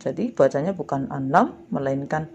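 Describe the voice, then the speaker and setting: A woman's voice: low-pitched, animated, normal speed, vocal fry, a little mellow, a little hiss or hum. A woman teacher explaining a lesson patiently to schoolchildren, drawing out the example words as she recites them. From Indonesia. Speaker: primary school religion teacher. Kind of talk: slow classroom lesson.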